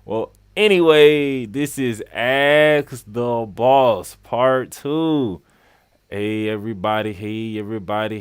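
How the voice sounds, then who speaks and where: A young man in his late twenties runs a casual live-stream question session, talking in a loose, chatty way and repeating key phrases. His voice sits fairly low, and the sound is close and dry with no room around it. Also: smooth, no room sound. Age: 20s. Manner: greets viewers by name mid-flow. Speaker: skate coach and live-stream host.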